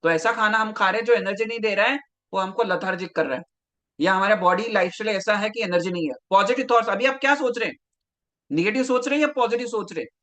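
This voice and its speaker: A male health coach runs a live online class, speaking straight to his viewers and calling out their names from the chat. His voice sits high and sounds bright and forceful. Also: fast talker.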